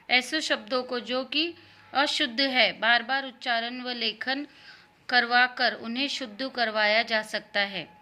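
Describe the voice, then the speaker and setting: A woman with a bright, clear voice sitting slightly high in her range teaches Hindi grammar to young schoolchildren. She explains patiently and repeats each word slowly so the pupils can follow. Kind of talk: online grammar lesson for children.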